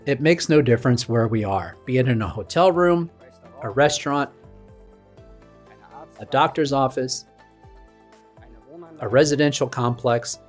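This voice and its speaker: A man in his thirties presenting a scripted product keynote with a polished, promotional delivery. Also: mid-range voice. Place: studio stage with dark backdrop.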